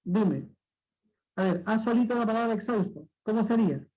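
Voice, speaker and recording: Male tutor, high husky voice, patient, repeats every rule, keeps checking in. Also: expressive, moderate pace, a little mellow, rough recording. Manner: patient, repetitive, checks understanding often. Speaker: language teacher. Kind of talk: exam-prep lesson.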